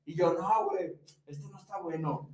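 A man's voice: on the high side, normal speed, darkish tone, distant mic. A young Mexican man with a Mexican Spanish accent telling a vacation story in casual, slangy chat, laughing and acting out what his friends said. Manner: slangy, laughing, acts out dialogue. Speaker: podcast co-host. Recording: echoey room, away from mic.

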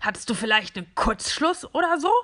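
Woman doing a loud, scatterbrained plastic toy man, high. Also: big pitch swings, fairly quick. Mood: excited. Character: small, excitable plastic toy man, a bit daft.

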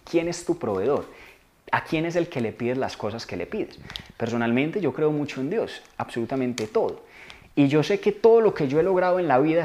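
A man's voice: a little high, darkish tone. A man giving an earnest motivational self-help talk to camera, coaching viewers and repeating key phrases for emphasis. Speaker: motivational video maker.

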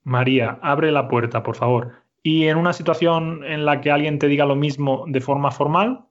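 Patient male Spanish teacher, slightly high. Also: fairly even intonation, dull audio. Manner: patient, slow and clear, repeats answers. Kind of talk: conversational language lesson.

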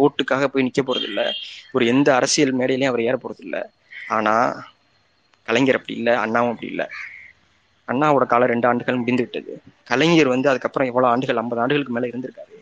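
A man's voice: mid-range voice, fairly bright tone, dull audio. A man speaking in an online audio discussion, explaining in an earnest way and often restarting and repeating his phrases. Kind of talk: casual political talk.

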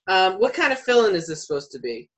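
A woman's voice: medium pitch, big pitch swings, quick pace, fairly bright tone. A woman playing a tabletop game, improvising in character as casual chat, with a chatty, opinionated way of explaining.

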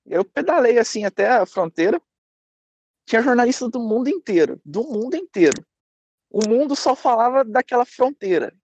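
A man's voice: very high voice, sing-song, normal speed, darkish tone. A young man telling a travel story in a casual, dramatic way, acting out scenes and dropping in conversational fillers.

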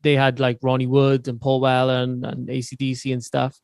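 A man's voice: mid-range voice, monotone, moderate pace, vocal fry, darkish tone, clear, resonant tone, no echo, studio quality. A man with a Swansea Welsh accent chatting informally and matily as a musician guest on a podcast. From Swansea, Wales. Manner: matey, informal, peppered with "you know". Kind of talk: casual interview chat.

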